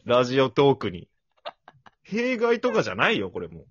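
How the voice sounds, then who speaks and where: A man on a podcast, swinging wildly in pitch as he jokes at his own expense, with a husky tone. The audio is dry and somewhat dull, as from a home lo-fi setup. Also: moderate pace, no echo. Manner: animated, self-mocking, playful. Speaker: co-host. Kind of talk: casual podcast chat. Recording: slightly muffled lo-fi audio.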